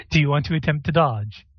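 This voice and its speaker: A man running a tabletop game as game master, explaining rules and pausing to look them up. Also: on the high side, highs cut off, a little hiss or hum. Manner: explains rules while looking them up, many pauses.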